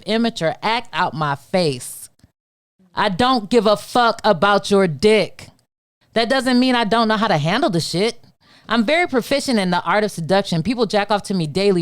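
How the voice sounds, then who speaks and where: A woman's voice: medium pitch, clear, resonant tone, dry recording, studio quality. A woman from Detroit, a podcast guest, reading a spoken word poem in a defiant, rhythmic delivery. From Detroit, USA.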